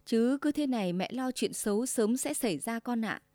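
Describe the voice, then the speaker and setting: Shrill domineering old mother-in-law, as a woman narrator puts her on. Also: animated, normal speed, warm tone, dry recording, soft background music, lightly acted. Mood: wheedling. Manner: shrill, commanding, sugary then scolding.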